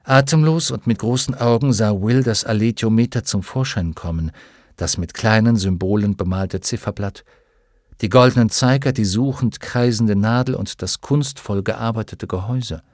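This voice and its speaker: A man reading a novel aloud as an audiobook narrator, with steady storytelling narration. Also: on the low side, normal speed, no echo, clean studio sound. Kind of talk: scripted narration.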